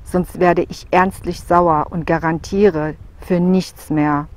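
A woman's voice: on the low side, fairly even intonation, slow pace, no echo. A woman voicing a huge young male wolf in a storybook tale, blunt and scornful, talking with a growl.

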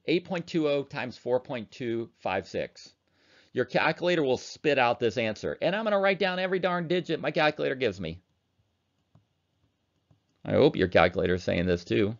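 In a dull, lo-fi recording, a man with a gravelly mid-range voice gives an online chemistry lecture. He's the instructor, talking in a casual, chatty way as he solves problems on his calculator.

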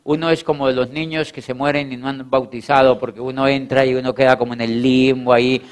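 A man's voice: medium pitch, flat delivery, a little fast, clear, resonant tone. A man giving a motivational stage talk to an audience, repeating phrases for emphasis and acting out quoted voices. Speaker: motivational speaker.

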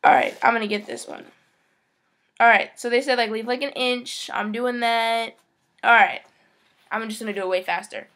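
A woman's voice: a little high, steady tone, moderate pace, pauses often, a bit bright. A young woman in her teens making a casual home vlog, chatty and frustrated, swearing often. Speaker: vlogger.

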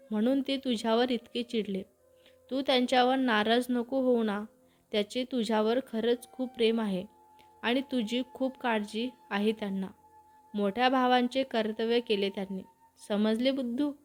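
A woman voicing a gentle, caring young woman in a storybook reading, explaining patiently and soothingly. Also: a little high, steady tone, moderate pace, faint music behind, close to an everyday voice.

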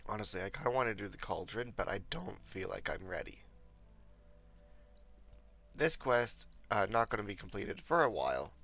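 A man's voice: on the low side, big pitch swings, moderate pace, creaky, pauses often, a bit bright. A young man recovering from a cold, rambling casually to his viewers while streaming a game from a desk mic. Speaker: livestreamer. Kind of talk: casual gameplay commentary.

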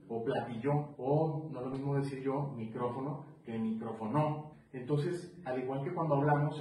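A man's voice: medium pitch, dark tone. A man teaching a drum lesson, explaining rhythm step by step and counting beats aloud. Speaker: percussion teacher. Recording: roomy, distant mic with faint noise.

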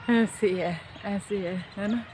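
A middle-aged woman chats into a handheld phone while she walks outdoors through a park, in the easy style of a casual vlog. She tells her stories with a lot of animation and keeps tagging her sentences to ask whether you agree. A faint outdoor hum sits behind her voice. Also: medium pitch. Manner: chatty, keeps asking for agreement with tag questions; animated storyteller. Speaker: vlogger and mother. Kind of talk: casual walking vlog chat. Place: outdoor park on a foggy day.

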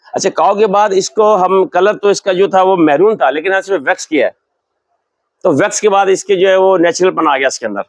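A man's voice: high-pitched, a little fast, no echo. An older man from Pakistan, a leather shop owner explaining his goods in a sales demonstration, on a lapel mic in a large shop. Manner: explanatory, shows goods while talking.

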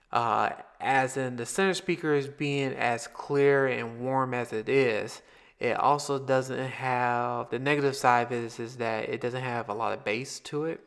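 Male vlogger, mid-pitched, casual rambling product review with frequent restarts. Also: vocal fry, fairly bright tone, smooth. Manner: rambling, repeats himself, restarts phrases. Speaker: tech reviewer.

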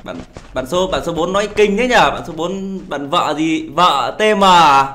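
A man's voice: fairly high pitch, normal speed, crowd noise. A young man hosting a gaming video, pleading and playfully self-pitying as he banters with teammates. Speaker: gaming channel host. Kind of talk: casual live commentary while playing.

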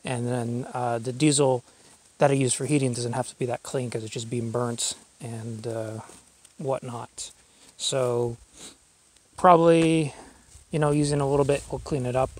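A young man casually narrating an outdoor vlog on a handheld camera, rambling with many fillers as he thinks aloud. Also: medium pitch. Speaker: vlogger showing a fuel tank. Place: outdoors in a grassy yard. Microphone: handheld camera mic.

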